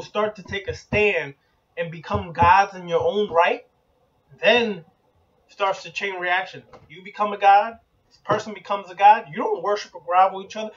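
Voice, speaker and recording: A man hosting an occult channel, delivering a blunt, emphatic preaching monologue that repeats slogans and is occasionally profane. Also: high-pitched. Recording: dull lo-fi recording.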